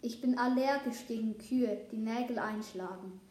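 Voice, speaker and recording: A woman reading a picture book aloud, voicing a fussy, know-it-all female crow who lectures slowly and clearly. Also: a little high, darkish tone, roomy sound, natural voice. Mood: whiny.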